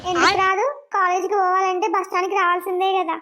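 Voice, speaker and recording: A high voice playing a shy lovestruck village youth. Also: level tone, fast talker, sharp tone. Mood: earnest. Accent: Telangana Telugu. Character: lovestruck young village man, devoted and shy. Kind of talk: cartoon voice acting.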